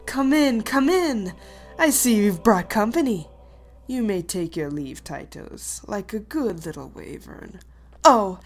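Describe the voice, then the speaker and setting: A woman voicing a commanding dragon queen in an animated fantasy, imperious, measured and smoothly condescending. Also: medium pitch. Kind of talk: animated fantasy drama acting.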